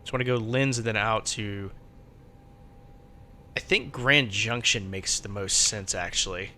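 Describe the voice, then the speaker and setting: A man's voice: measured pace, bright, forceful tone. A man streaming as a virtual pilot, casually thinking aloud and muttering to himself as he works through steps. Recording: faint background noise and low rumble.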